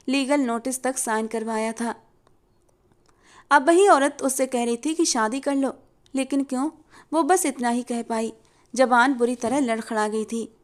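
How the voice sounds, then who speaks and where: A woman narrating a romance novel as a storyteller, in a calm, steady manner. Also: on the high side.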